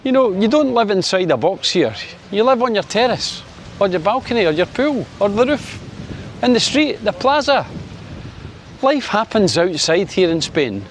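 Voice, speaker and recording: A sixty-something Scotsman vlogs to camera at a moderate pace, his pitch swinging widely, with slight background noise behind him. The talk is casual opinion, delivered chattily and wryly with many fillers, and his pitch rises for sunny Spain.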